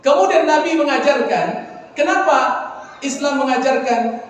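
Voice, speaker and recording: A man preaching a lively mosque sermon, joking with the audience and acting out greetings. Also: very high voice, normal speed. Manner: playful, acts out greetings, jokes with the audience. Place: large mosque hall. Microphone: far front-facing phone camera. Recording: echoey hall, distant mic, faint noise.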